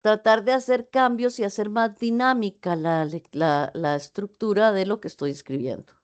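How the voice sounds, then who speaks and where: A woman's voice: medium pitch, normal speed, muffled recording. Female lecturer, online class, explanatory delivery with hesitant fillers and self-corrections. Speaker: university teacher.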